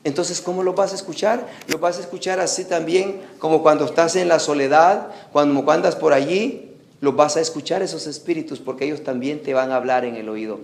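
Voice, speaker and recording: A male pastor preaching a sermon, reading scripture slowly and then preaching with rising emphasis, sometimes mimicking other voices. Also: fairly high pitch. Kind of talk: Pentecostal-style sermon. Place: church sanctuary. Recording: echoey church hall recording.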